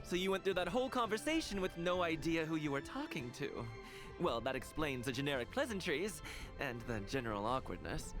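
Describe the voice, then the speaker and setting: A man's voice: fairly high pitch, very animated, brisk, over music. An actor playing a slick, self-justifying jade merchant in a video game, with a theatrical salesman's manner. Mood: curious. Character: slick male jade merchant, indignant and smooth-talking.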